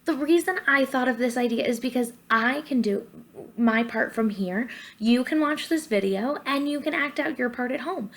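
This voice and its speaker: A young adult drama teacher with a high-pitched voice and moderate pace leads children through a guided pantomime, offering encouraging explanations. Soft, quiet music plays as she records in her living room at home, using a webcam or laptop at arm's length.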